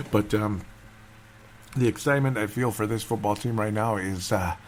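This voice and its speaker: A man with a lowish voice hosts a casual fan talk show by himself. He keeps it subdued and held back, as if someone is asleep nearby, rambling and repeating phrases. There is some faint noise in the recording. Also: unhurried. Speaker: sports fan show host. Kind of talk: casual solo commentary.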